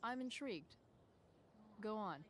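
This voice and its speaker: A woman's voice: mid-range voice, expressive, measured pace, slight background noise, lightly acted. A woman voicing a sardonic, guarded teenage rebel in a video game, with a dry, casual, hesitant delivery.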